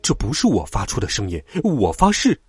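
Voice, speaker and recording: Man voicing a hushed, secretive storybook dad. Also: fairly low pitch, huge pitch swings, a little fast, husky, soft background music, pitched below the performer's own voice, exaggerated voice. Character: fussy, fanciful father, softly mysterious.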